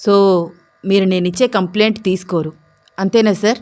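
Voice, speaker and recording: A woman's voice: mid-range voice, fairly even intonation, normal speed, a little mellow, natural voice. A woman voicing a bold young male police officer who speaks firmly and seriously. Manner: firm, serious, fearless.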